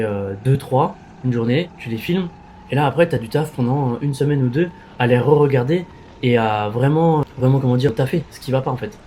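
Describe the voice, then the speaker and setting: Fast-talking young man, mellow voice. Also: medium pitch, slight background noise. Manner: fast, informal, many fillers and restarts, coaching tone. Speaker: amateur racing driver. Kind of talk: casual talk to camera.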